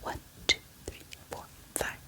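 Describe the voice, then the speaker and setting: Softly and without hurry, a woman speaks in a breathy ASMR whisper, like a book vlogger showing off her collection.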